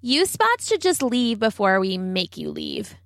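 A woman's voice: on the high side, sing-song, unhurried, a bit bright, dry recording, studio quality, heavily acted. A woman voicing a haughty female zebra in a storybook, dismissive and snorting.

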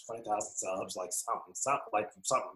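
A man's voice: fairly low pitch, rapid-fire, sharp tone, roomy sound, rough recording. A man in his late thirties, a guest in a casual chat, talking loosely with slang and playful exaggeration. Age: 30s.

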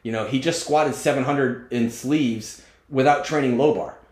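A man's voice: mid-range voice, normal speed, echoey room. A man in his forties, a strength coach and podcast host, talking bluntly and joking in casual chat. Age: 40s.

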